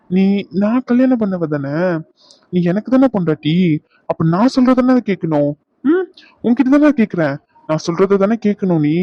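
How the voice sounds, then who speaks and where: A man's voice: sits high, dry recording. A man voicing a jealous young husband in a dubbed cartoon, sarcastic and accusing, recorded lo-fi. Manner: accusing, sarcastic, repeats his demands. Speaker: cartoon voice actor.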